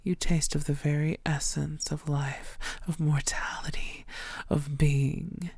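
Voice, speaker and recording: A woman performs a full character voice as an ancient, seductive female vampire, lovestruck and possessive, in an intimate ASMR audio roleplay. She murmurs tenderly, breathy and often whispering, her deep, darkish voice conveying hungry adoration in a dry recording.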